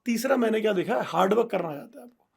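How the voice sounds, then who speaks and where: A man's voice: high voice, animated, rapid-fire, vocal fry, breathy edge. A man from India hosting an interview, asking probing questions while switching between Hindi and English. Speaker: host. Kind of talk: casual conversational interview.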